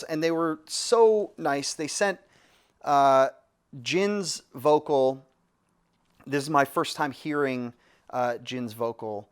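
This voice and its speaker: With a slightly high, clean-toned voice, a man who works as a music producer casually recounts something that happened in the studio. He meanders in a relaxed way, filling the story with fillers and frequent restarts.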